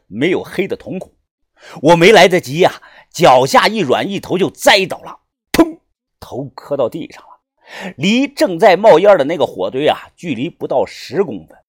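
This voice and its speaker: A storyteller narrating a first-person tale in a lively, expressive way. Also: mid-range voice, breathy edge, no room sound, studio quality.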